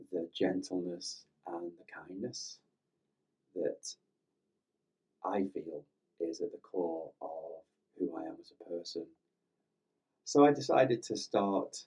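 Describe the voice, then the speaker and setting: A man with a gentle, reflective, soft-spoken manner, leading a guided meditation. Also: low-pitched, slightly rough, far from the mic. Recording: slightly dull lo-fi recording with faint music.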